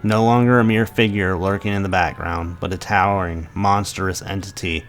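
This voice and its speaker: A man with a very low voice narrates a scary story in a dramatic, measured way. Faint music plays quietly beneath his reading. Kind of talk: scripted horror story narration.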